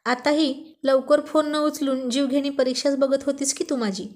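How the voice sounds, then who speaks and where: A woman's voice: sits high, steady tone, moderate pace, close to an everyday voice. A woman doing a teasing young husband. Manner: teasing, mock-scolding.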